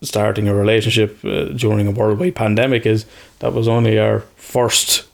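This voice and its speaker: A man's voice: fairly low pitch, flat delivery, normal speed, vocal fry. An Irish man co-hosting a podcast, chatting casually in a colloquial, sweary way. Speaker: podcast co-host. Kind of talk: casual chat.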